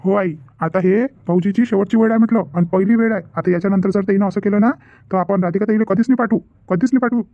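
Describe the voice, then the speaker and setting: A man's voice: high-pitched, quick pace, dry recording, phone-quality sound. A man voicing a worried young village brother who rambles and repeats himself in a cartoon family drama.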